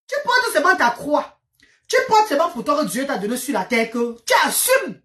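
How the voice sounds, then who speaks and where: A Cameroonian woman, Medumba being her mother tongue, vlogs in French with a Cameroonian accent, telling her followers stories in a chatty, exclaiming manner. Her voice sits high and she keeps a moderate pace. She repeats things and drops English words into her French.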